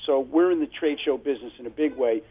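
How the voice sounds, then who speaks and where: A man's voice: mid-range voice, quick pace, breathy edge. Brooklyn man on a phone line. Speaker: phone-in guest, trade show organiser. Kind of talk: radio interview answers. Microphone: phone call. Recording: narrow, muffled phone line on radio.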